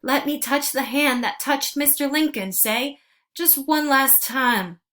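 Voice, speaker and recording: Storybook reading: woman playing a frightened young soldier boy, soft and pleading. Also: on the high side, a little slow, voice pushed up. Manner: pleading, tearful delivery.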